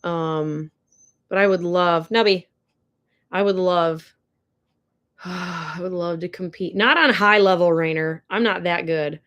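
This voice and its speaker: A woman's voice: on the low side, takes it slowly, long pauses, fairly bright tone, lo-fi sound. Young woman rambling on a ranch live stream, chatty, reads out chat questions. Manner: chatty, answers viewer comments, gushes. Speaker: livestream host. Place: ranch barn or home.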